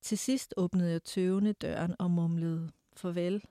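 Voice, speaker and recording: A woman reading a novel aloud in a measured way, then discussing it with some hesitation. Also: on the low side, fairly even intonation, warm tone, dry recording, studio quality. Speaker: guest reader.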